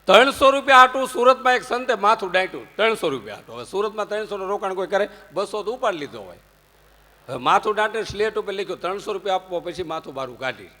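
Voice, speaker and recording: A man with a Gujarati accent giving a humorous religious discourse, telling anecdotes and rising into loud punchlines. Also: high-pitched, fast. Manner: jokey, anecdotal, animated swings into loud punchlines. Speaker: religious storyteller. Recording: long hall reverb.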